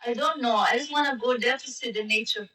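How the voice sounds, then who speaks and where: A woman's voice: on the high side, quick pace, sharp tone, far from the mic. A woman chatting casually on a live-stream app, speaking in a playful, teasing manner. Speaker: language exchange chat partner. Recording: echoey and off-mic.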